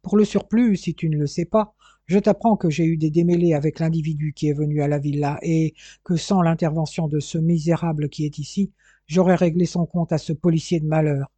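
A man reading an audiobook, voicing a bitter, scornful older male gem dealer who talks sarcastically and forcefully. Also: on the high side, fairly even intonation, fairly quick, no echo, lightly acted.

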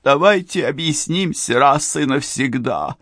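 A man doing a shrill, indignant society lady. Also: lively intonation, a little slow, a bit bright, no room sound, studio quality. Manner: raised, shrill accusing tone. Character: indignant society woman, theatrical, scolding.

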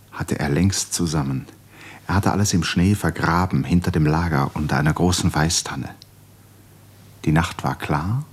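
A low, husky-voiced man narrates a literary radio drama. His manner is grave and measured, built on short, deliberate phrases.

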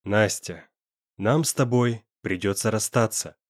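A young man in pain, voiced by the male narrator, speaking in a low, husky murmur that sits below the reader's own voice. The delivery is dry and close. This is storybook drama. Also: measured pace, dry recording. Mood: hushed. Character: young man, hushed, cold and pained.

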